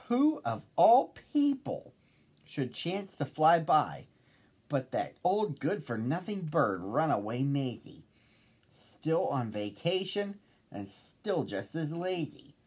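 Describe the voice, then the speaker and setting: Man, storybook read-aloud, husky voice, lively swooping pitch. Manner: slow, lively storyteller's lilt. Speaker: host reading a children's book.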